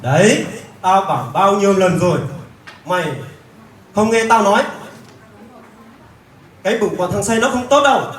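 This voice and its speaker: A man's voice: high voice, normal speed, long pauses, slight background noise, natural voice. A man playing a hot-tempered village husband, echoey and distant. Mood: angry. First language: Hmong. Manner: blunt, scolding, repeats himself. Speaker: villager in a community skit. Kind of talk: amateur skit acting. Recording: roomy, from a distant mic.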